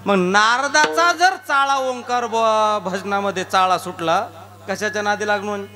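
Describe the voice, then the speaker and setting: High-voiced man preaching a kirtan. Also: measured pace, pushed and bright. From Beed district, Maharashtra. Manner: jokey, asks the crowd rhetorical questions. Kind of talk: devotional kirtan sermon with sung verses. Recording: live music clearly behind the voice. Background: tabla and harmonium music.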